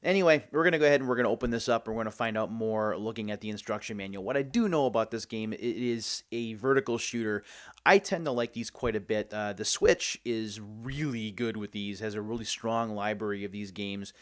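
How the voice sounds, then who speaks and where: A man's voice: on the low side, fairly quick. A man hosting a video, giving casual, chatty unboxing commentary and thinking aloud as he goes. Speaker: host of a game unboxing video series.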